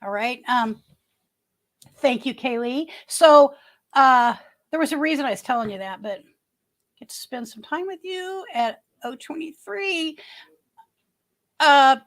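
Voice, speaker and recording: Speaking from home on a relaxed livestream, a woman in her early sixties chats and reads out viewer comments, meandering and often starting over. She has a high, animated voice, a measured pace, and frequent pauses.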